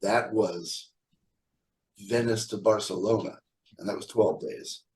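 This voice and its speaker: A man's voice: fairly low pitch, steady tone, takes it slowly, darkish tone, far from the mic, rough recording. Blunt joking middle-aged man, a bit off-mic. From California. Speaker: square dance caller, guest. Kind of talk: casual interview chat.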